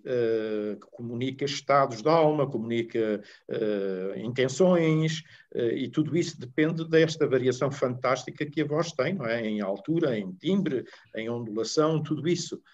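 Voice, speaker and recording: Male panel guest from Portugal. Thoughtful and halting, mid-range voice, muffled lo-fi recording. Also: mid-range voice. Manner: thoughtful, halting, many restarts. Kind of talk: panel discussion. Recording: dull lo-fi recording.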